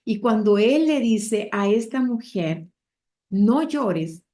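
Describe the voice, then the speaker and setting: A woman's voice: fairly high pitch, expressive, slow, warm tone. A woman preacher retelling a Bible story with heartfelt emotion, speaking directly to her listeners.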